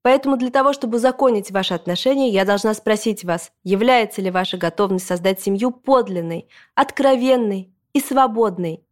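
A woman voicing a pompous middle-aged female registrar in a storybook reading, speaking in a solemn, ceremonial, drawn-out way. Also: mid-range voice, lightly acted.

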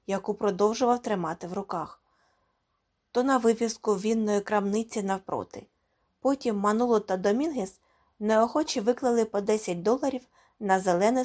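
A woman reading a short story aloud as a calm, measured audiobook narrator. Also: medium pitch. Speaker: audiobook reader. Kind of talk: scripted narration.

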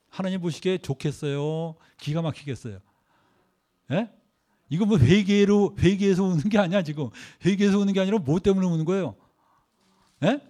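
High-voiced Korean pastor preaching. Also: male voice, mellow. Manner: rhetorical questions to the congregation; leads group scripture reading. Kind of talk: sermon.

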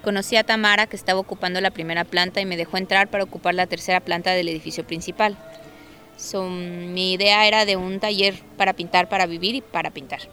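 A woman with a lowish, steady voice and a sharp tone speaks fast as she gives a first-hand account of her time as an artist resident during a squat and eviction. Her testimony is conversational storytelling, with faint music behind her.

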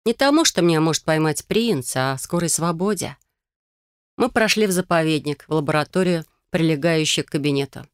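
An audiobook narrator reading a first-person story in an even, measured way, close to the mic. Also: mid-range voice, clean tone, no room sound.

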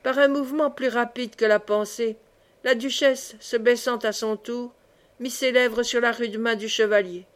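A woman reading a classic novel aloud as an audiobook, in measured narration, lightly voicing the characters. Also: fairly high pitch, fairly even intonation. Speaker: audiobook reader.

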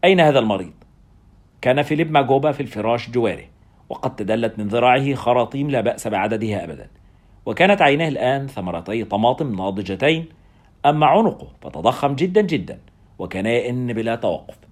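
A man tells a story aloud with dramatic flair. His voice is husky and quick, and his pitch rises and falls in lively swings. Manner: dramatic storytelling, first person. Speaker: narrator. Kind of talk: audiobook narration.

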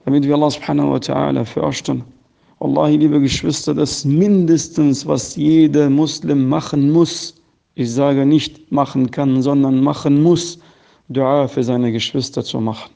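Man preacher, recorded voice message, gravelly, mellow, urgent and earnest. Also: a little high, steady tone, moderate pace. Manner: earnest, urgent exhortation to the faithful. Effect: leaving a recorded voice message. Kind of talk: spoken voice message sermon.

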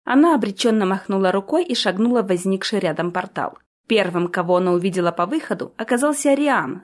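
Female audiobook narrator, mid pitch, steady storytelling.

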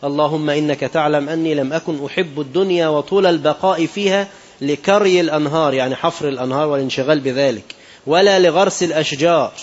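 On a muffled recording, a man with a rather high voice and an Egyptian Arabic accent preaches an Islamic sermon at a quick pace. He shifts between classical quotations and colloquial asides and poses questions to his listeners.

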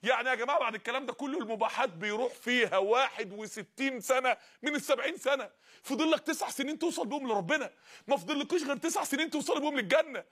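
Man, Egyptian accent, preacher, sermon, very high voice, rapid, impassioned. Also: expressive, a bit bright. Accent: Egyptian Arabic. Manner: impassioned, pleading with the audience.

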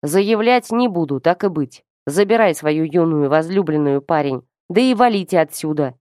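Woman reading a gruff suspicious old man. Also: low voice, expressive, moderate pace, dry recording, studio quality. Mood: angry scolding. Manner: sharp, curt, interrogating.

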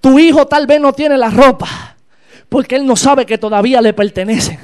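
A man preaching a sermon in church, impassioned and building to shouted exclamations. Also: very high-pitched, normal speed, clear, resonant tone.

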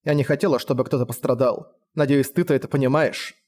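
A man's voice: medium pitch, steady tone, quick pace, a little mellow, natural voice. A man voicing a pleading young village woman. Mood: quiet. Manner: pleading, slightly raised voice.

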